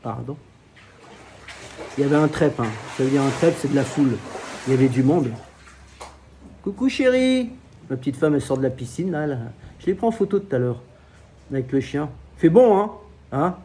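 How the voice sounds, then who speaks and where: A French knife seller, speaking in a brisk, warm, mid-range voice, tells crude, joking anecdotes about selling knives in a casual vlog and swears often. He's at home by a pool, and a little hiss or hum runs through the recording.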